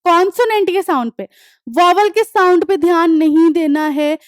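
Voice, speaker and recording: High-voiced woman teaching an English class. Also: no echo, studio quality. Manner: explains step by step, often checking understanding; reads English examples slowly and deliberately. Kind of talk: online class lecture.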